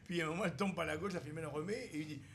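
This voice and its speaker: A man's voice: fairly high pitch, racing, vocal fry, slight background noise. A man, a talk show guest, telling a joke and laughing as he goes.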